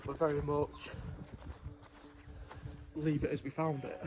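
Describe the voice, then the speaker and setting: A man's voice: fairly high pitch, level tone, slow pace, low-quality recording. A young man, co-hosting a travel vlog outdoors, who talks in a hesitant way with many ums and restarts. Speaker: travel vlogger. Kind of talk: casual outdoor vlog chat. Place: outdoors in a field. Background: background music.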